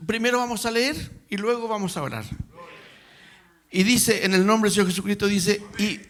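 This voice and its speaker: A man's voice: high-pitched, a bit bright. A man preaching a sermon in a church, asking rhetorical questions and building to emphatic passages. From Chile. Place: church sanctuary.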